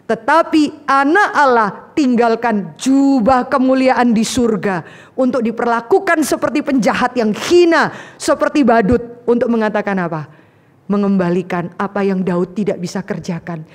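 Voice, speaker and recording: A woman preacher giving a sermon, telling the story in a lively way with casual slang and acting out the voices of the people in it. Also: a little high, normal speed, in a large hall.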